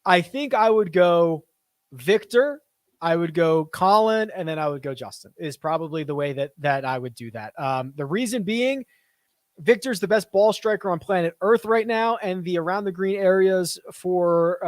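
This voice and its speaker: A man's voice: sits high, moderate pace, no room sound. A man hosting a casual live stream, reading viewer questions aloud and answering off the cuff at his desk.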